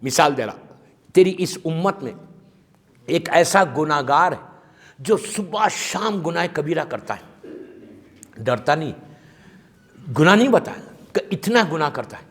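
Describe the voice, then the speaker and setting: A male preacher giving a sermon, storytelling dramatically, swinging from hushed tones to shouting. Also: a little high, lively intonation, long pauses, breathy edge. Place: religious gathering hall in Madagascar. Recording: long hall reverb.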